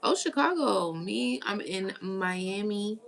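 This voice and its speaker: A woman's voice: medium pitch, expressive, takes it slowly, vocal fry. A woman from the United States hosting a tarot live stream, chatting casually and greeting viewers as she reads their comments. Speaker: tarot reader.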